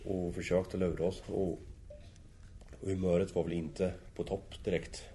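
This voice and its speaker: A man's voice: deep voice, flat delivery, dark tone. A man casually telling a hunting story to friends in an easygoing way, chuckling between phrases. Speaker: hunter telling stories.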